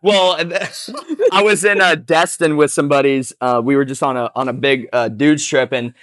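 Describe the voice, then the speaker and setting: A man's voice: a little high, fairly even intonation, normal speed, a bit bright, dry recording. Chuckling man telling rambling stories. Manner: laughing, rambling storyteller. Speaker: guest. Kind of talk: casual podcast chat.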